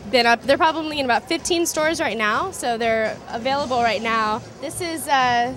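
Young woman designer with loud music behind. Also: high-pitched. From Southern California. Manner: relaxed, filler-heavy, slightly trailing off. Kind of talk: casual interview at a trade show booth. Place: busy indoor trade show booth. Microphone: handheld interview mic.

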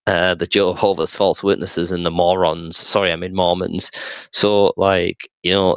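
A man's voice: low-pitched, fairly bright tone, no echo, lo-fi sound. A middle-aged man telling stories in a casual, rambling but emphatic way over a headset on a video call. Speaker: street evangelist being interviewed. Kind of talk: casual conversational storytelling. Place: small room at home, video call. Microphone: headset microphone.

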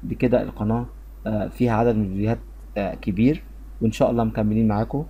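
A man with an Egyptian Arabic accent teaching a beginner English lesson. His voice is low, dark and husky, and he patiently repeats short phrases slowly so learners can follow. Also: steady tone. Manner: patient, explanatory.

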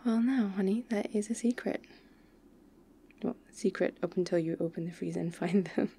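A woman plays an affectionate, playfully pouty girlfriend in an ASMR role-play. Her voice is intimate, soft and mellow, with a gravelly fry at the edges. She speaks slowly and tenderly, over faint ambient noise. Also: lowish voice, level tone.

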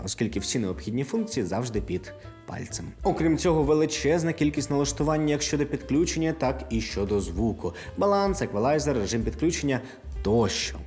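This tech reviewer from Ukraine speaks in a darkish, mid-pitched voice. He runs a relaxed, scripted product video, chatting with viewers as though they were friends.

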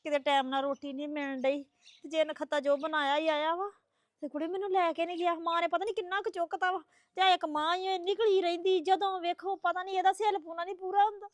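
A woman plays a young married woman who complains tearfully about her in-laws. Her voice is very high and the recording is dry. She sounds hurt and aggrieved. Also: flat delivery, fast, no echo. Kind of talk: comedy skit acting.

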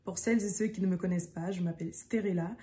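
A young actress from French Guiana chats to camera in a casual vlog filmed in an apartment room. Her voice is on the low side, quick and fairly even in intonation, and her manner is bubbly and enthusiastic, warmed by fillers.

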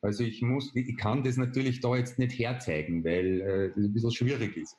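A man, explaining a software tool step by step on a video call, with frequent hesitation fillers. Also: mid-range voice, moderate pace. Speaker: presenter. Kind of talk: online webinar demonstration. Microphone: video call webcam.

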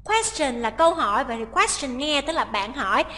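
A woman teaches English exam preparation, walking through each answer step by step. Her voice is high and bright. A long reverb trails behind her voice. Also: lively intonation, brisk. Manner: explains step by step, switching to read English lines. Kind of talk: exam-prep lesson.

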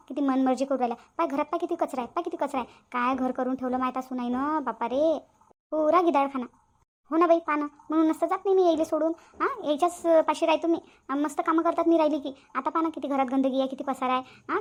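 Cartoon role: a woman voicing a high, fast, exclaiming village daughter-in-law. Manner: exclaiming, gossipy. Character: chatty young village daughter-in-law, fussing. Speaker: cartoon voice actress. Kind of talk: cartoon family drama dubbing.

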